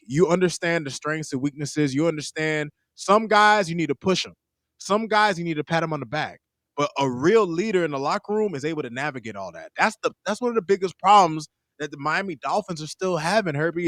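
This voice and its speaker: A man's voice: a little high, fairly bright tone, no room sound, studio quality. A man co-hosting a sports podcast in casual talk, emphatic, often calling his partner bro or man. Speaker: podcast co-host.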